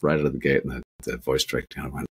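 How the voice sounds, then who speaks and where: The voice is very deep, with little pitch movement, and races along. It's a middle-aged actor guesting in a casual interview over a webcam video call from a small room at home, rambling through stories with lots of restarts and asides.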